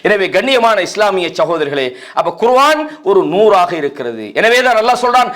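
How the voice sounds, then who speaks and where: A man preaching a sermon to a seated congregation, chanting verses slowly and then explaining them in everyday speech. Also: sits high, sing-song, fairly bright tone. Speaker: Islamic preacher.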